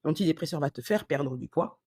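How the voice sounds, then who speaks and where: A woman hosting a casual storytelling podcast, animated and slangy, acting out the dialogue as she tells it. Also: low voice, a little fast, husky, dry recording, clean studio sound. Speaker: podcast host.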